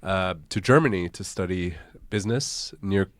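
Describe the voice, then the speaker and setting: Low-voiced founder chatting on stage. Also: male voice, moderate pace, no room sound. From Hong Kong. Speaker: startup founder, guest. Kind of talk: casual interview. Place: live podcast stage.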